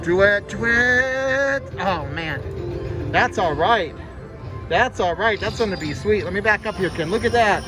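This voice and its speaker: Excited guy with high voice doing live slot play commentary, repeats himself, loud casino music. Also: measured pace. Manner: excitable, exclaiming, repeats phrases. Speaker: slot machine video host. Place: indoors on a casino floor. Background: loud slot machine music.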